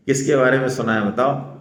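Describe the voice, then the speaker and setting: Man, Rajasthani Hindi accent, spiritual teacher, explanatory, drawn-out syllables, reverberant hall. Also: mid-range voice. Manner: explanatory, stresses syllables slowly, asks "है ना?" often. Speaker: Gita seminar teacher. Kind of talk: religious discourse to a seminar audience. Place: seminar hall. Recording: echoey hall with long reverb.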